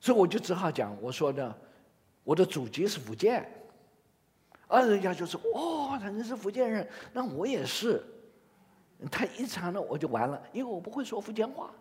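An older man delivers a sermon, moving between scripture reading and questions aimed at his listeners. His voice sits high and rises and falls with lively energy. The sound carries the long reverb of a large hall. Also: normal speed. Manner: expressive, asks the audience questions. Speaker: preacher.

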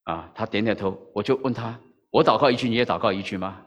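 A man's voice: on the low side, fast talker, in a large hall. A male pastor preaching in Mandarin-speaking church style, telling a story and acting out the voices, often checking in with listeners. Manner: animated, acts out dialogue, frequent "OK?" to the audience. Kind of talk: sermon with storytelling.

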